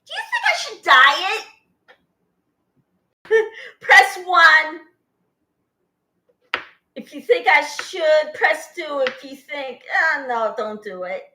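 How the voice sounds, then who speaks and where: An older woman hosts her own cooking vlog from a home kitchen, chatting along at an unhurried pace. Her voice is bright and fairly high, and the kitchen gives it a roomy, echoey sound. She rambles and laughs easily. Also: sing-song. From born in Boston, Armenian family. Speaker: cooking channel host. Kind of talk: casual cooking vlog chat.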